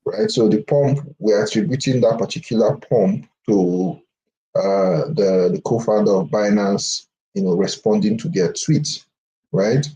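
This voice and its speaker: Mellow low man on a video call. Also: unhurried, rough recording. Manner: loose talk with frequent restarts and "right?" tags. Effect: voice heard over a video call. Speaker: trader on the call. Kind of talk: casual market discussion.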